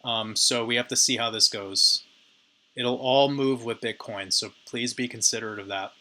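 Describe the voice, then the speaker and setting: Male crypto commentator, hoarse and raspy, sharp bright tone, casual chart walkthrough. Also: mid-range voice, fairly even intonation, normal speed. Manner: casual, addresses viewers as you guys. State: hoarse, raspy voice from talking a lot.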